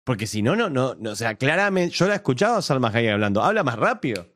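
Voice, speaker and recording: A man's voice: medium pitch, sing-song, quick pace, a bit bright. A man with an Argentine accent giving sarcastic, mocking reaction commentary. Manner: sarcastic, mocking, laughs often.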